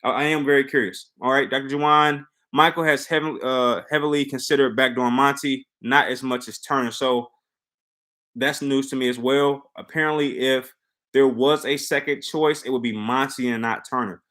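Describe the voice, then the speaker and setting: A man with a mid-pitched voice hosts a live reality-show commentary stream. He talks conversationally, lays out his opinions on the game and leans on rhetorical questions and repeated phrases for emphasis. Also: steady tone, moderate pace, bright, forceful tone.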